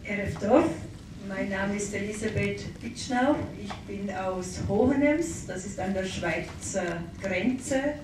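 A woman primary school teacher giving a slow, friendly self-introduction at a round-table meeting. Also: medium pitch. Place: large wood-panelled hall indoors. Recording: echoey hall, camera far off, hiss.

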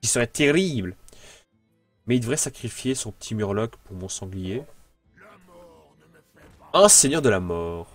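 A man's voice: fairly low pitch, lively intonation, a little slow, pauses often, dry recording, soft background music. Playful French man commenting gameplay. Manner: chatty, playful, thinks aloud. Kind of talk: casual game commentary.

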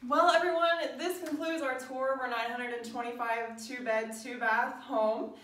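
A woman's voice: fairly high pitch, steady tone, normal speed, a bit bright, recorded from a distance. A woman in her thirties or forties giving an upbeat, gushing sales tour of a home as a real estate agent, recorded by a camera a few steps away in an empty apartment. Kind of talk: friendly promotional walk-through tour. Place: empty carpeted apartment, indoors. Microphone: handheld camera a few steps away. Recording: roomy echo, off-mic, faint-to-clear noise.

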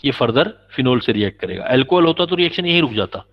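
A man's voice: mid-range voice, big pitch swings, fast. A man teaching a chemistry class, patiently explaining and quizzing his students. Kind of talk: classroom lecture. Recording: dull lo-fi recording.

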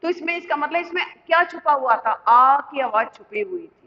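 A woman's voice: high voice, expressive, normal speed. A woman teacher explaining a lesson step by step, asking the class questions and answering them herself. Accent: Indian Hindi. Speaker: school teacher. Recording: muffled lo-fi with long reverb.

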